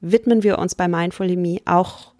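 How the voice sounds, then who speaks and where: A woman life coach giving an earnest, emphatic motivational course pitch. She slows down and sometimes drops to a whisper to stress a point. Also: steady tone, warm tone, no echo, studio quality.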